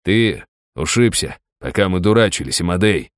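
Sly young bully in a dry, close audiobook read, by a man; deep, soft, menacing. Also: animated, moderate pace, dry recording. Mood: placating.

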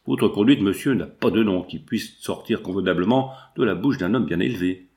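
A man voicing a pompous, self-important gentleman who protests in stiff, formal speech. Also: low voice, moderate pace. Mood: indignant.

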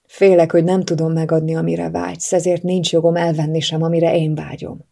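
A woman reading the lines of a lovesick young male police officer in an audiobook, in an intense, low-voiced way. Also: flat delivery, gravelly, dark tone. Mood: longing.

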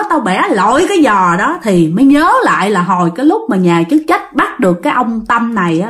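A woman with a Southern Vietnamese accent casually telling a ghost story, chatting directly to her listeners. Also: on the high side.

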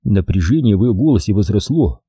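A man narrating an audiobook in an expressive, lively reading voice. His tone is dark and husky. The recording is dry and close. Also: on the low side, fairly quick, dry recording. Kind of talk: scripted narration.

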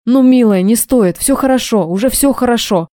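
A woman reading the lines of a calm, gentle middle-aged father in an audiobook. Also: on the high side, moderate pace, no room sound, studio quality, natural voice. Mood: soothing. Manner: soft, calm, reassuring.

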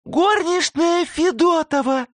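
A squeaky, servile young hotel maid in an audiobook. She speaks high and slow, each word drawn out and eager to please. The recording is close and dry. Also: dry recording. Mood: shrill, servile. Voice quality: squeaky, shrill falsetto. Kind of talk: audiobook character voice.

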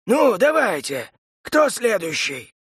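A man voicing a brutal, furious male crime boss who snarls and shouts, in a storybook reading. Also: high voice, sing-song, breathy edge, no room sound, clean studio sound, pitched above the performer's own voice, exaggerated voice. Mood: enraged. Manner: snarling, shouting, drawn-out threats.

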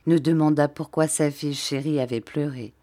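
A woman reading a classic novel aloud in a measured, even storytelling manner. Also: deep voice. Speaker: audiobook reader.

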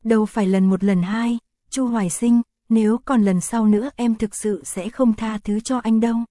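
A woman voicing an affectionate, pouty young man in an audio story, read in a soft, even voice. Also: fairly high pitch, normal speed, no echo, studio quality, close to an everyday voice. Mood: earnest.

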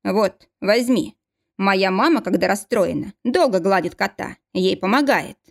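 A gentle young man, read by a woman narrator, speaking quietly and firmly. His voice stays soft and kind, much like the reader's own. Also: mid-range voice, measured pace, creaky.

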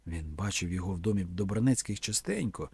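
A man reading a novel aloud in measured, even scripted narration. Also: deep voice, creaky, slightly rough, no echo. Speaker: audiobook reader.

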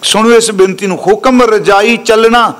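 High-voiced Punjabi preacher chanting verses. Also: male voice, steady tone, a bit bright. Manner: slows to a drawn-out chant when reciting verses, then explains briskly; addresses listeners respectfully, correcting pronunciation. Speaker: Sikh preacher giving scripture exposition. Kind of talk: sermon with chanted scripture recitation.

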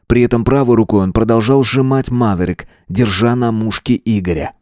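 A man narrating an audiobook in a steady, measured voice. His pitch sits in an ordinary middle range. The recording is close and dry. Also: no room sound. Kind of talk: scripted narration.

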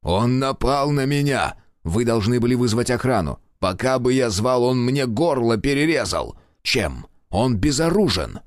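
A man's voice: mid-range voice, animated, unhurried, dry recording, studio quality, voice pushed up, close to an everyday voice. A man voicing a stern middle-aged male detective who speaks coldly and curtly. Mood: harsh. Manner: curt and hard, grating when pressed.

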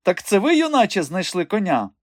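Guy doing a bossy shrill circus madam, lots of drama, super dry recording. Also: very animated, a little fast, dry recording. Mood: imperious. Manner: high-pitched, theatrical, commanding. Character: flamboyant woman circus director, imperious.

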